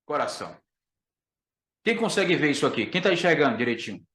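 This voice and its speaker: A man's voice: a little high, sing-song, brisk, fairly bright tone. A man with a Brazilian Portuguese accent, teaching a Bible lesson as a pastor, emphatic, repeating his key phrases and calling listeners brother. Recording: echoey room.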